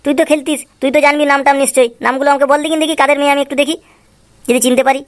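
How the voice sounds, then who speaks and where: This woman's high-pitched, rapid-fire delivery stays steady in tone and close to an everyday voice as she plays an exasperated, sly, foul-mouthed father in a comic cartoon. He grumbles and wheedles, coaxing and placating, over background music.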